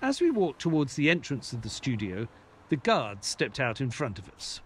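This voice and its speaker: A man's voice: medium pitch, big pitch swings, normal speed, a bit bright, slight background noise. An actor playing an earnest, easily baffled male ex-soldier doctor who narrates and talks in an audio drama. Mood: earnest, narrating. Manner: hesitant, puzzled, earnest. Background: music.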